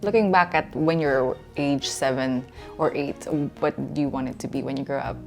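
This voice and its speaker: A woman's voice: a bass voice, moderate pace, vocal fry, soft background music. A woman interviewer asking brief, direct questions.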